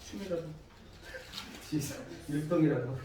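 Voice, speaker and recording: A man with a fairly high voice teaches a math lesson to a classroom of students. He walks through each step and keeps checking that they follow. He is recorded from a distance in a very echoey room with faint background noise. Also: slow pace. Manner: asks students frequent check-in questions.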